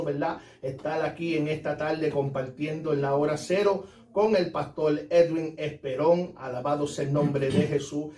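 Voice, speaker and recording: Brief: fervent male pastor, fairly high voice, stops for praise constantly, roomy sound from a distant mic. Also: a little mellow. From United States. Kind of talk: giving a church testimony on radio.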